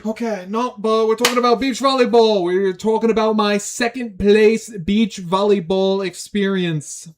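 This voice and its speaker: A young man from Long Island with a New York accent, chatting casually on a livestream and reacting to his chat in a rambling, animated, slangy way. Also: high voice, normal speed, hardly any pauses, a little hiss or hum.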